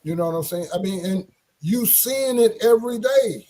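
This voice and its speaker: A man's voice: high voice, lively intonation, normal speed, mellow. A man talking casually in a group discussion, often checking that his listeners follow him. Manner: conversational, often checks for agreement with tag questions.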